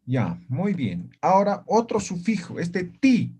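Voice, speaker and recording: Slow, patient man teaching a class. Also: sits high, wildly swooping pitch, darkish tone, slightly rough. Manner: slow, patient, keeps checking students understand. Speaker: language teacher. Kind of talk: online class lecture.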